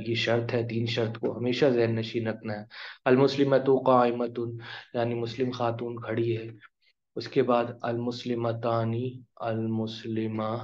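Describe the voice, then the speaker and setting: A male teacher explaining grammar in a classroom lesson, drawing out each example word slowly. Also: medium pitch, a little mellow. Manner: slow, drawn-out pronunciation of example words. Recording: dull lo-fi recording.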